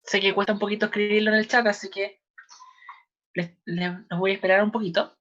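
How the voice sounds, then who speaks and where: A woman's voice: mid-range voice, level tone, fairly bright tone. Patient Chilean woman teaching chemistry online. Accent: Chilean Spanish. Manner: patient, repeats names slowly, addresses students. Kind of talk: online class lesson. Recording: slightly dull lo-fi online class audio.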